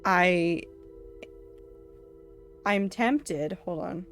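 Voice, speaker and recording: A woman's voice: fairly low pitch, extremely slow, faint music behind. A woman streaming a video game, chatting casually and reacting aloud to what she sees. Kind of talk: casual gameplay commentary.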